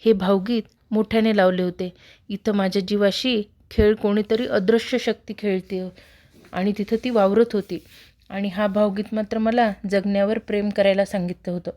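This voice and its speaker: A woman reading a horror story aloud in a steady, measured narrating voice. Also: medium pitch. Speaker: story reader.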